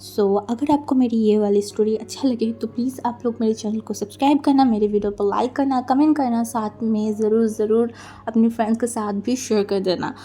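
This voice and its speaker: A woman's voice: fairly high pitch, steady tone, a little fast, mellow. A young university-student woman hosting a storytelling channel, chatting apologetically to her viewers and narrating a fan fiction story. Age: young adult. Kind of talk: casual fan-fiction reading.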